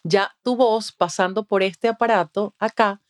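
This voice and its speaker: A woman's voice: mid-range voice, a little slow. A Venezuelan woman, a communication mentor, talking expressively on a podcast and acting out what people say. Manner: expressive, acts out quoted voices, frequent "¿ves?". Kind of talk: animated interview talk. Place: podcast studio.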